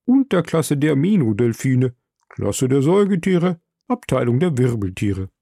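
A man's voice: mid-range voice, very animated, moderate pace, warm tone, dry recording, clean studio sound. A man voicing a pedantic male servant who lists categories in a formal, lecturing way in an audiobook reading.

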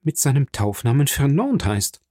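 A man's voice: medium pitch, sing-song, moderate pace, warm tone, no room sound, clean studio sound. A man voicing a young, hot-tempered viscount who speaks in an agitated, raised voice. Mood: indignant.

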